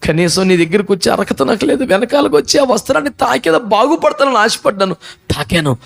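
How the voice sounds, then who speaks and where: A man's voice: very high-pitched, sing-song, fairly quick, creaky, exaggerated voice. A man voicing a fearful healed woman. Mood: pleading.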